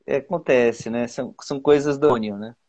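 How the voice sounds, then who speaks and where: A male teacher with a Brazilian Portuguese accent, giving exam advice in a casual, halting way with many repeated words and fillers, over a video call. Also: mid-range voice, darkish tone. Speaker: teacher, guest.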